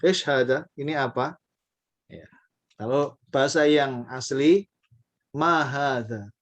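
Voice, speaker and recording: A man teaching a casual online language lesson, patiently repeating phrases slowly for learners to copy. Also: medium pitch, highs cut off.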